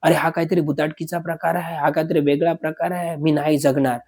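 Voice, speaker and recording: A man's voice: fairly high pitch, little pitch movement, a little fast, darkish tone. A man voicing a terrified grown hunter who is shaking and weak, pleading and repeating himself frantically in a told horror story. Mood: raving.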